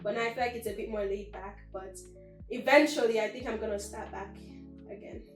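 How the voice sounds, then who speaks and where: A woman's voice: medium pitch, steady tone, fairly quick. Teen girl talking earnestly in an echoey room, mic kinda far, faint music. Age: teens. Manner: earnest, lots of "like" and "honestly". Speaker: guest. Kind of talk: casual interview answers.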